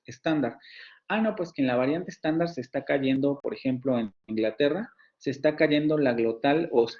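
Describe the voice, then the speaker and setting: A man's voice: medium pitch, lo-fi sound. A man with a Mexican Spanish accent giving an online university phonetics lecture, explaining patiently and repeating words as he demonstrates sounds.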